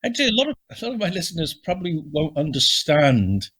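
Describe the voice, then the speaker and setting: A man's voice: a little high, big pitch swings, fast, a bit bright, breathy edge. An older man from Bristol hosting a podcast interview, asking friendly, probing questions that tend to ramble. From Bristol, England. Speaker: podcast host.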